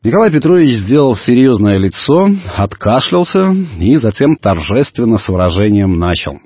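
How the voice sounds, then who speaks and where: Expressive male storyteller, husky voice. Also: on the low side, moderate pace, dry recording. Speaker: narrator. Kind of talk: scripted narration of a children's story. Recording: dull radio recording, faint music.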